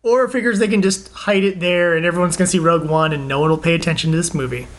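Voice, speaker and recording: Young male co-host, high voice, rambling and excitable. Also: quick pace, a little hiss or hum. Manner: rambling, excitable, laughs often. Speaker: podcast co-host. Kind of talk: casual chat about games and movies.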